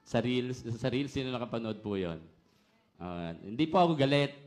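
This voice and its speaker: A middle-aged man preaching a sermon loudly and energetically, often calling out "Amen?" to the congregation. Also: medium pitch, normal speed. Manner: loud, energetic preaching with call-and-response "Amen?".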